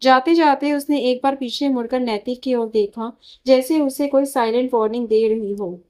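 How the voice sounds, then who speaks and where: A woman reading a scripted emotional story as narrator, steady and measured. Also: sits high.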